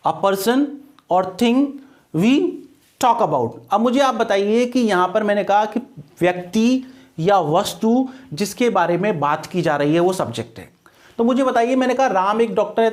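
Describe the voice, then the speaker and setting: A man with an Indian English accent, teaching a grammar lesson to exam students, repeating each point and asking the listener questions. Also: sits high. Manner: explains patiently, repeats points and quizzes the listener.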